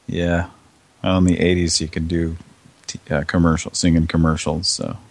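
Deep-voiced man, rambling casual host. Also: little pitch movement, moderate pace, vocal fry. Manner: rambling, lots of fillers and swearing. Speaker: podcast host. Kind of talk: casual chat.

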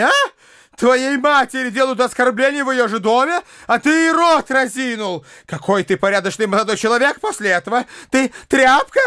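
A man voicing a furious, shrill middle-aged gentlewoman in an audiobook, screeching a scolding tirade of accusations. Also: dry recording, clean studio sound, natural voice. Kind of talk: audiobook character voice.

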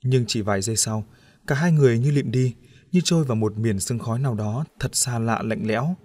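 A man's voice: medium pitch, brisk, a little mellow, no echo. Man narrating an audiobook, dry close sound. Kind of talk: storytelling narration.

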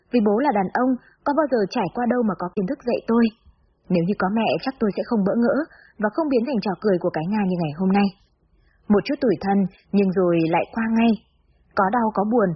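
A woman narrating a story aloud in the first person, in steady storytelling manner. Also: mid-range voice, slightly rough. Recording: slightly dull recording with faint hiss.

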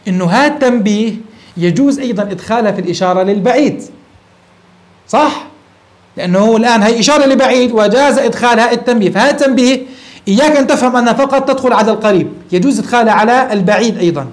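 A man teaching a grammar lesson, often checking in with quick rhetorical questions. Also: very high voice. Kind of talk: classroom grammar lecture.

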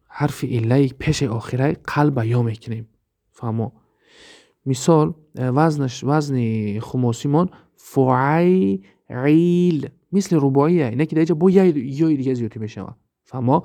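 Man, Tajik accent, grammar teacher, gravelly voice, mellow tone, repeats and checks understanding. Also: medium pitch. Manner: explains slowly, often asks "understood?" and repeats words. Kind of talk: recorded lesson.

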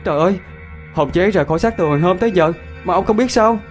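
A man voicing a small ghost child, high-pitched and tearfully urgent. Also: racing, faint music behind, close to an everyday voice. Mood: pleading. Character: ghost child, small girl, pleading and frantic.

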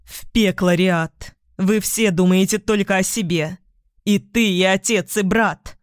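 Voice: mid-range voice, steady tone, unhurried, darkish tone, dry recording, close to an everyday voice. A narrator voicing a distraught young queen who turns from tender pleas to bitter accusations, in a dry close recording. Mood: accusing. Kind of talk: audiobook character reading.

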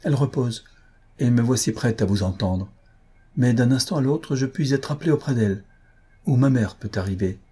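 A man reading an audiobook, voicing a composed, dignified young woman who speaks in a measured, stern and formal way. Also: mid-range voice, warm tone, slightly rough, natural voice. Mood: urgent.

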